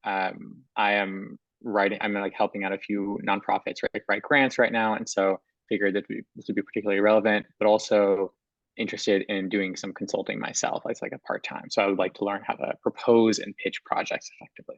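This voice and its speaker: Flat-toned low American man. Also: dry recording. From United States. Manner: flat, self-deprecating, filler-heavy. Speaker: course participant. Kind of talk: casual video-call introduction. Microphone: video call. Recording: dry, dull video-call audio.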